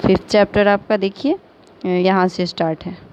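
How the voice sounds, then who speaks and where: A woman's voice: medium pitch, flat delivery, moderate pace, darkish tone. A woman teacher with an Indian accent giving a recorded lesson, patiently spelling out words letter by letter and mixing Hindi with English. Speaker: school teacher. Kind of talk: recorded online class lesson. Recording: slightly dull lo-fi audio with faint noise.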